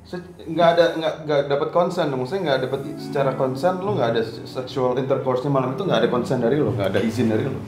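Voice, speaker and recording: A woman's voice: very deep voice, fast talker, few pauses, background noise. A woman co-hosting a casual podcast, chiming in with joking, playful interjections. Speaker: podcast co-host. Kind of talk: casual comic chat. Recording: roomy room with background music.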